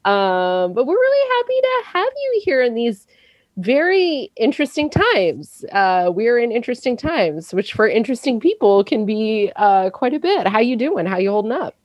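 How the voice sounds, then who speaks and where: Lively giggly woman podcast host. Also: fairly high pitch, normal speed, no echo. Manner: chatty, giggly, playful. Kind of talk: casual chat.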